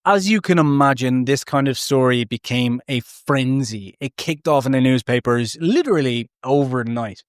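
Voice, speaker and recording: A man's voice: medium pitch, moderate pace, hardly any pauses, clean tone, no room sound, clean studio sound. Chatty man hosting a true-story podcast. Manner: chatty, jokey, self-interrupting asides. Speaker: podcast host. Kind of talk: storytelling podcast narration with casual asides.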